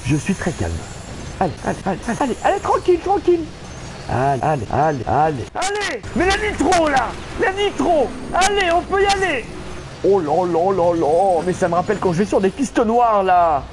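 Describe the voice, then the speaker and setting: A man giving excitable let's play commentary, panicking and swearing at the game while he plays. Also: sits high, normal speed. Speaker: gamer streaming a playthrough. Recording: game noise behind the voice.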